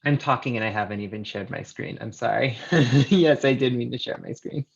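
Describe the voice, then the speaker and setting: A man presenting a software demo live on a video call, talking casually and hesitantly with many fillers, captured in a screen recording. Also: medium pitch, fairly quick, vocal fry, slightly rough, highs cut off. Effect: screen-recorded video call audio.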